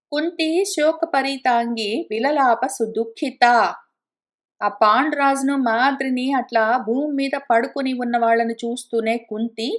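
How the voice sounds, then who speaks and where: High-voiced woman teaching an epic. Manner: chants Sanskrit verses slowly, then explains them; emphatic storytelling. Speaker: scripture teacher. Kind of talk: verse-by-verse commentary on an epic.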